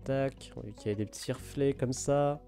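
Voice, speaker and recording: A man talks loosely and playfully to his stream chat as he works on a drawing. His pitch sits mid-range, and faint music plays behind him. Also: normal speed, gravelly, mellow. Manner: chatty, reads and answers chat, teasing. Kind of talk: casual live-stream chat while drawing.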